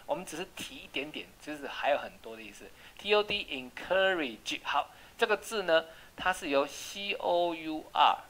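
Patient tutor spelling out English words. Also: female voice, deep voice, fairly bright tone, rough recording. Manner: explains words patiently, spells out letters, drills repetition. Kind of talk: home English reading and spelling lesson.

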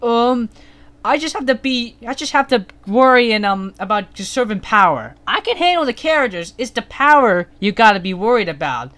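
A gaming channel host giving rambling, excitable let's-play commentary, full of fillers and restarts. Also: medium pitch, moderate pace.

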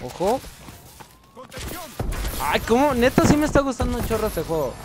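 A man with a Mexican accent giving casual gameplay commentary, chatty and excitable, often breaking into yells and exclamations. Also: very high voice, moderate pace, heavy background noise. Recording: loud game gunfire under voice.

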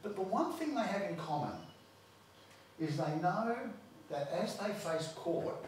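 Australian pastor preaching in a booming hall. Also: male voice, slight background noise. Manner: emphatic, repeats words while building points. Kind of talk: sermon. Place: church. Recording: very echoey church hall, mic far off.

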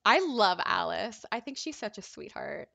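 A woman's voice: medium pitch, very animated, moderate pace, gravelly, bright, forceful tone, no echo. A young woman casually commenting on a life-sim game she is playing, chatty and dramatic, sometimes voicing the game characters. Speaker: let's play host.

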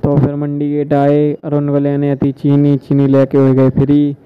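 A man's voice: on the high side, completely flat delivery, measured pace, clean tone. Young man chatting through a daily vlog. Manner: easygoing, rambling chatter with local dialect. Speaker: vlogger. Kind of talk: casual vlog narration. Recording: slightly dull lo-fi phone audio.

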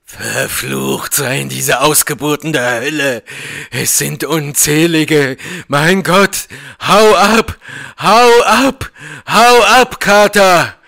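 A man voicing a desperate man trapped below ground, pleading frantically, then sinking to a weak hush. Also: on the high side, slow pace, pitched above the performer's own voice.

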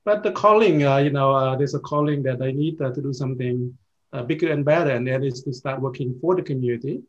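A man's voice: mid-range voice, fast, muffled recording. A man, introducing himself as a panelist on a video call in an earnest way, with many fillers and restarts. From Cambodia. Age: 50s. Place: indoors with a virtual background.

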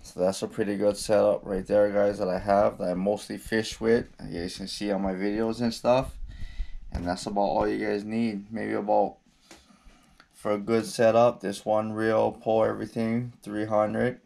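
Recorded seemingly on an action camera somewhere cluttered indoors, a young man who vlogs about fishing gives a casual rundown of his gear. His voice is low and gravelly, his pace easy, and his laid-back, flat delivery is full of ums and restarts.

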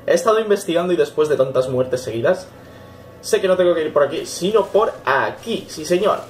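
A young man gives excitable Let's Play commentary, swearing and yelping at the game. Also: fairly high pitch, quick pace, soft background music. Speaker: gaming YouTuber.

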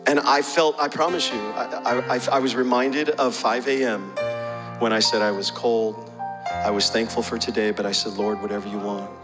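A man's voice: mid-range voice, steady tone, normal speed, big-room sound, music in the background. A male pastor preaching a sermon, telling a story and then pressing the congregation with repeated questions.

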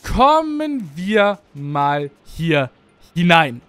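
Extremely slow yet very animated, a young man with a Berlin German accent comments casually on his video game playthrough, rambling and joking at his own expense. His fairly high, slightly bright voice comes through without echo over soft background music. He records indoors at his home gaming setup with an arm-mounted studio mic and headphones.

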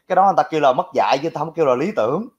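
A young man's slightly rough, high-leaning voice comes rapid-fire with lively intonation and a Southern Vietnamese accent. On a livestream he rants in reaction to viewer comments, brashly and crudely mocking critics. The audio sounds lo-fi and dull.

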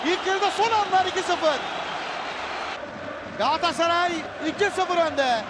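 A man giving excited football commentary in clipped phrases, screaming and shouting the goal calls. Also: very high-pitched, measured pace. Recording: loud crowd roar and heavy stadium noise. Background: roaring football crowd.

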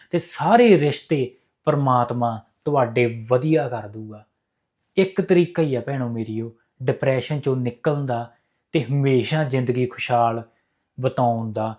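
With a slightly high, somewhat mellow voice, a man with a Punjabi accent speaks straight to his audience. He offers earnest, preachy spiritual guidance, repeating key phrases while he instructs.

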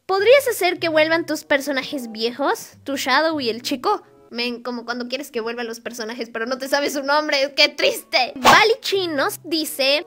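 A woman runs a casual question-and-answer vlog, reading out fan questions. Her voice sits high and she answers in a playful, giggly way. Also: a bit bright.

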